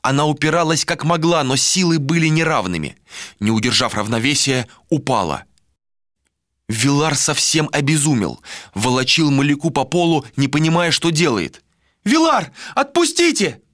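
A man narrating a novel in an audiobook, with dramatic, animated storytelling. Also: a little high, normal speed, dry recording, clean studio sound. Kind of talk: expressive fiction narration.

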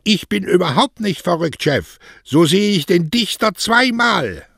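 A man voicing a lovesick young postman who talks in an excited, breathless rush in a radio reading. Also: on the low side, normal speed, husky, no room sound, studio quality.

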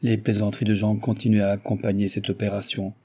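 A man narrating a novel as an audiobook reader, with steady, even storytelling. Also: on the low side, quick pace, slightly rough.

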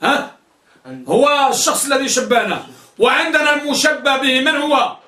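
A man's voice: very high-pitched, expressive, moderate pace, sharp tone. A male teacher giving a classroom lesson, questioning students and drilling their answers. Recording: echoey room, mic at a distance.

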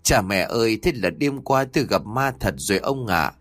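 A frightened elderly grandmother in a horror audiobook, her calls rising high and anxious, as a male narrator puts her on. She speaks in a soft, trembling way to her family. The voice stays lively in pitch and dry and close to the mic. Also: moderate pace, no echo, faint music behind. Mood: gentle elderly.

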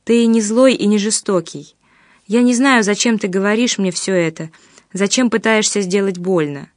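A woman voicing a fragile young woman who speaks softly and pleadingly. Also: mid-range voice, moderate pace, no echo, studio quality, lightly acted. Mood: tender pleading. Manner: soft and pleading.

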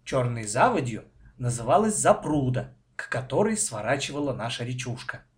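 A man reading a children's story aloud in calm, unhurried narration. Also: mid-range voice.

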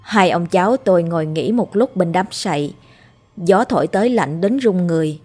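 Low-voiced woman narrating a ghost story. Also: animated, normal speed, mellow. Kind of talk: scripted horror story narration. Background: faint background music.

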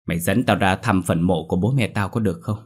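A man's voice: low voice, quick pace, breathy edge. A man voicing a young male exorcist in his thirties, anxious and blunt, in a storybook reading. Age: 30s.

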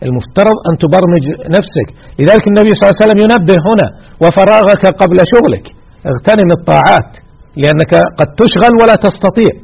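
A man's voice: sits high, expressive, racing, vocal fry, a little mellow, slightly rough, muffled recording. A man teaching a religious lesson, exhorting his listeners and repeating key words for emphasis. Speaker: sheikh teaching hadith.

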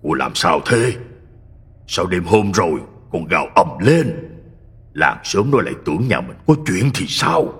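A man doing a gruff, stern older villager. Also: low voice, very animated, a little slow, heavily acted. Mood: scolding. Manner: gruff, scolding.

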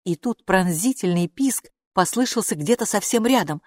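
A woman narrating a children's story aloud in an animated, expressive way. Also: mid-range voice, moderate pace, no room sound, studio quality. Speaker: audiobook narrator.

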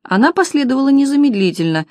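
A woman narrating an audiobook in a brisk, ironic storytelling manner. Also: high-pitched, very animated, a little mellow, no room sound, studio quality. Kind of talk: scripted narration of a humorous detective novel.

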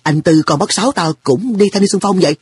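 Guy doing a hot-headed schoolboy for a storybook, high-ish voice that swings up and down, really husky. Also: expressive, moderate pace. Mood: earnest. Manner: raised, indignant boyish voice. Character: boy narrator, schoolboy, earnest and quick-tempered.

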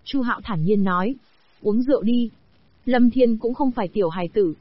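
A text-to-speech woman's voice narrating a fantasy audiobook, in an even, steady machine delivery. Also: medium pitch, a little fast, dry recording. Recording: dry, dull lo-fi audio.

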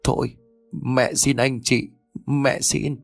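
A man's voice: medium pitch, level tone, slow pace, creaky, no echo, faint music behind. A man voicing a frail, timid old mother over 70 who pleads in a trembling voice. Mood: pleading.

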